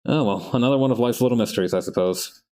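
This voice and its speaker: A man speaking fast in a medium-pitched, slightly mellow voice chats casually on a live stream while he draws. He rambles, talks to himself as he works and keeps correcting and restarting his sentences.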